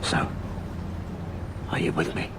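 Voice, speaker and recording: In a period audio drama, an actor lightly plays an anxious, scheming bank clerk and family man, speaking slowly and formally with old-fashioned, self-important phrasing. His tone is furtive and persuasive, and heavy noise sits in the background.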